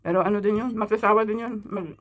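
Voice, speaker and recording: A woman's voice: mid-range voice, steady tone, fast. A middle-aged woman from the Philippines chatting in a casual eating vlog, talking while chewing, chatty and gossipy. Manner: chatty, gossipy, laughs often. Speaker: vlogger. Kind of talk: casual mukbang vlog chat.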